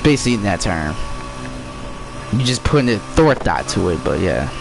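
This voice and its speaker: Over music, a young gaming streamer chats loosely with friends while playing a racing game, joking and telling stories. His gravelly voice sits on the low side, brisk, with big pitch swings.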